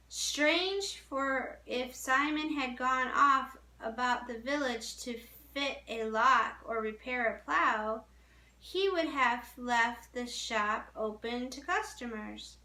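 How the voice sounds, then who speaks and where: A woman with a fairly high, sharp-toned voice reads a story aloud as narration, deliberately and with small stumbles over the text. The recording sounds roomy and echoing.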